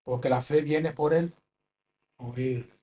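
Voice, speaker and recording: A man from preaching a sermon, swinging between loud impassioned cries and low, hushed phrases. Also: fairly even intonation, takes it slowly.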